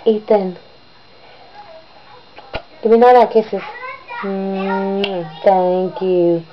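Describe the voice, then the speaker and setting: A woman's voice: medium pitch, steady tone, extremely slow, dull audio, background noise. A mother coaxing her baby in sing-song baby talk, repeating simple words over and over on a home video.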